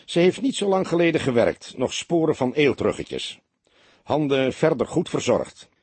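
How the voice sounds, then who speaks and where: Man doing a grim middle-aged detective, terse, sarcastic, lively pitch swings, husky. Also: normal speed, no echo. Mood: brisk. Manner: terse, dryly sarcastic, barking dictation.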